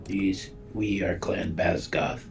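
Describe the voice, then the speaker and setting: [name], a man playing a gravelly orc warrior. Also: flat delivery, soft background music, full character voice. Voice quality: deep gravelly voice. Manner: slow, grave and formal. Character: gruff male orc warrior, clan fighter. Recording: roomy echo.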